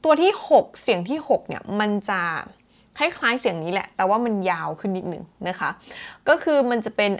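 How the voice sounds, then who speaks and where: A woman giving a casual pronunciation lesson, slowly demonstrating words over and over and mixing with English. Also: mid-range voice, big pitch swings. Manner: demonstrates words slowly and repeatedly, switching between Thai and English. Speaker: English teacher.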